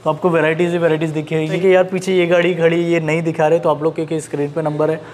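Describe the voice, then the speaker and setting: A man's voice: a little high, little pitch movement, quick pace, a little mellow, a little hiss or hum. An Indian man hosting a car video in a casual, chatty presenting style. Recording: reverberant hall-like echo.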